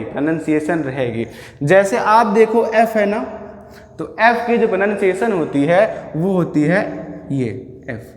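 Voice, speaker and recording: A male teacher giving a grammar lecture to a class. He asks questions, answers them himself and keeps checking in with the students. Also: high voice. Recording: echoey hall with long reverb.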